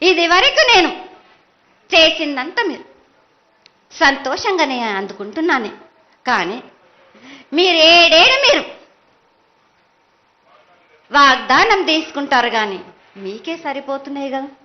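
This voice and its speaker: A woman's voice: high-pitched, animated, unhurried, long pauses. A woman with a Telangana accent speaking in a prophetic trance as an oracle, imperious like a mother goddess, in short chanted bursts. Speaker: oracle delivering the yearly festival prophecy as the goddess. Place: live temple festival ceremony. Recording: dull, band-limited live event sound.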